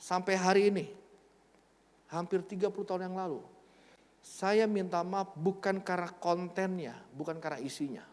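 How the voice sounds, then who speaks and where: A pastor in his fifties preaching a sermon in a large church, telling personal stories in an animated way, acting out the people in them and swinging between loud outbursts and quiet asides. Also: sits high, normal speed. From Indonesia. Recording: long reverb of a large church hall.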